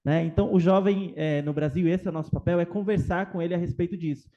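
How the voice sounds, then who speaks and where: A man's voice: sits high, fairly even intonation, fast, muffled recording. A man with a Brazilian Portuguese accent adding a casual, conversational comment during a talk. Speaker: audience member adding a comment.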